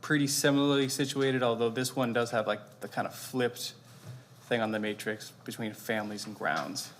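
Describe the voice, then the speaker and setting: A man serving as board president, running through agenda items in a brisk procedural way. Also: medium pitch, a little hiss or hum. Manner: brisk procedural, trailing off quietly. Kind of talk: chairing a meeting.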